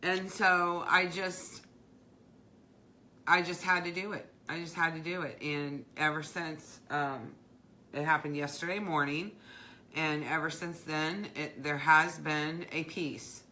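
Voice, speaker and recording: A middle-aged woman with a low, bright voice talks casually on a craft livestream. She rambles in a heartfelt way, full of fillers and restarts, with faint noise behind her. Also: steady tone, slow pace. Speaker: craft business owner, livestream host. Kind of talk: casual live-stream chat.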